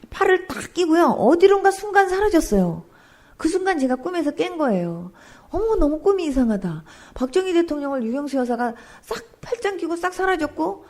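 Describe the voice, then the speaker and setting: A woman pastor telling her testimony in church, an animated storyteller who acts out sounds. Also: high voice.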